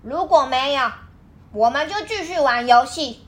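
A woman's voice: sits high, animated, unhurried. A woman voicing a bossy, easily angered female storybook character while reading to a toddler, sounding indignant and demanding. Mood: angry, bossy.

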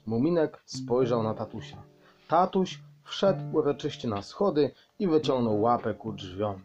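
A man reading a children's story aloud in a calm, measured way. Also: medium pitch, dull audio, soft background music. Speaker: audiobook narrator.

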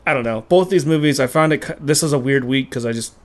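A man's voice: medium pitch, quick pace. A man co-hosting a casual movie podcast, blunt and loose, swearing and saying "like" a lot. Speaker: podcast co-host. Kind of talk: casual film chat.

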